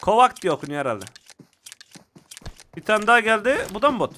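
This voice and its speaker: High, bright-voiced young man gaming. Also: fairly quick, slight background noise. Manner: excitable, talks to viewers while playing, frequent outbursts. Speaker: mobile shooter game streamer. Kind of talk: casual gameplay commentary.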